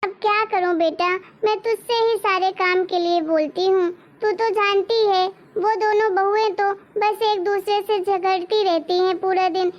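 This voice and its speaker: A woman's voice: very high-pitched, fairly even intonation, measured pace, hardly any pauses, lo-fi sound. Woman voicing a fretful cartoon mother-in-law. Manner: complaining, scolding. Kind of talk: cartoon story voice acting.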